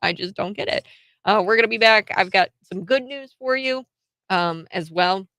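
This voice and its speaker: A woman's voice: medium pitch, moderate pace, bright, forceful tone, no echo. A woman hosting a live radio talk show, giving opinionated commentary with exclamations and rhetorical questions. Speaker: radio morning show host.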